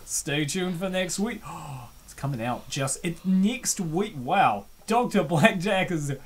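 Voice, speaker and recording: Taking things slowly in a mid-range voice, a comic dub host wanders through relaxed commentary on a webcomic, with reactions that are playful and excitable.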